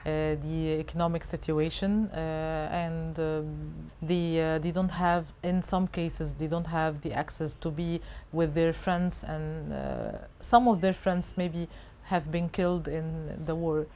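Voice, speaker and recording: A woman's voice: low-pitched, level tone, slow, few pauses, darkish tone, slight background noise. A woman answering interview questions in a hesitant way, with many filler sounds and restarts. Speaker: interviewed guest reporter.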